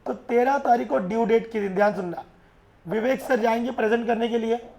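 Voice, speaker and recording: High-voiced man lecturing a class. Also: a little fast, gravelly. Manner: lively, keeps urging the class to answer; mixes English terms into his speech. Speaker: teacher.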